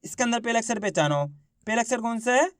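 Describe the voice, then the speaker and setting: A man teaching children to read, sounding out each syllable loudly before blending the word, then coaching viewers as friends. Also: very high-pitched, animated, fast, clear, resonant tone, no echo, clean studio sound. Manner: addresses viewers as friends, coaxing and repetitive. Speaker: Hindi reading teacher. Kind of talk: slow syllable-by-syllable reading lesson.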